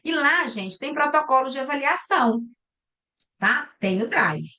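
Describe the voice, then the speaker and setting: A woman's voice: sits high, expressive, measured pace, bright, forceful tone. A Brazilian Portuguese woman teaching a recorded online class over a video call, explaining step by step and checking in with her students. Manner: explains step by step, often ending with "tá?" and "né?". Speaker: lecturer. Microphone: computer mic on a video call.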